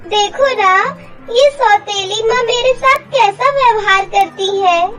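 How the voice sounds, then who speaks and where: A woman voicing a gentle, mistreated young girl in a cartoon story, pleading and tearful. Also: extremely high pitch, voice pushed up, heavily acted.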